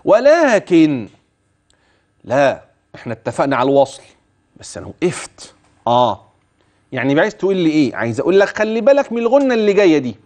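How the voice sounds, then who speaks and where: High, lively Egyptian recitation teacher. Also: male voice. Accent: Egyptian Arabic. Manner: stretches words slowly to demonstrate pronunciation between explanations; asks the listener questions and answers himself. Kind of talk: tajweed lesson on a religious TV channel.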